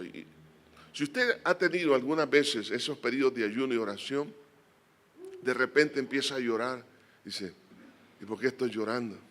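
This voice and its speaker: A male pastor preaching a sermon in a bright, forceful voice. He swings between emphatic, climbing exhortations and hushed, earnest prayer. His pitch sits in the middle for a man.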